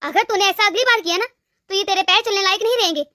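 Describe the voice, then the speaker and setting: A woman's voice: very high-pitched, fast, bright, forceful tone, no room sound, studio quality. A woman voicing a harsh, bossy mother-in-law in a cartoon story, berating her daughter-in-law. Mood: scolding. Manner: scolding, berating.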